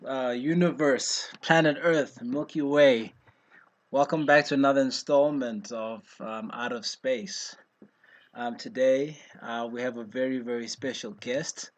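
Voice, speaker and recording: A man's voice: mid-range voice, fairly even intonation, a little slow. Male chat-show host from South Africa, casual video-call chat, rambling delivery full of fillers. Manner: rambling, many fillers and restarts.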